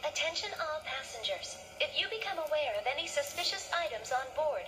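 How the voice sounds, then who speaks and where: A soft public-address announcer. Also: female voice, high-pitched, animated. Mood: polite. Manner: polite, measured paging tone. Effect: soft loudspeaker announcement. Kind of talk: dubbed anime dialogue. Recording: echoey and distant, with loud music.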